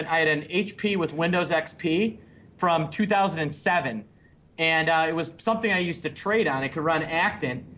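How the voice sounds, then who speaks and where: A man with a tinny-sounding voice and a Chicago accent, bantering jokily as a podcast panelist. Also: a bit bright. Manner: jokey. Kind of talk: casual bantering chat. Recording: tinny, dull, noisy remote line with rumble.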